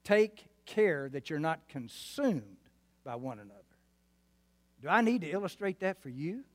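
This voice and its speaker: A man's voice: fairly high pitch, very animated, a little slow. A man in his seventies preaching a sermon with a West Texas twang, folksy and emphatic, checking in with his listeners. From Arkansas, New Mexico and West Texas, United States. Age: 70s. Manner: folksy, emphatic, asks the congregation for responses. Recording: reverberant hall.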